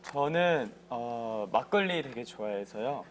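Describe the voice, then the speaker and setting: A man's voice: mid-range voice, expressive, measured pace, a little hiss or hum. A man chatting shyly and cheerfully as a talk-show guest. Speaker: guest idol singer. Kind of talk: casual talk-show chat.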